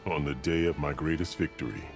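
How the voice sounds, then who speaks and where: Over loud music, a male voice, very deep and gravelly, plays the stern, proud, commanding chief of a warrior tribe. It's dramatic video game acting in a solemn storytelling mood, formal, measured, and declarative.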